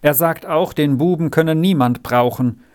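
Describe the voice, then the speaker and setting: Reader plays a judging farm father in a storybook; slow, firm, final. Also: mid-range voice, darkish tone, smooth, close to an everyday voice. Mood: stern. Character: stern, judging farmer father. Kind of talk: audiobook reading.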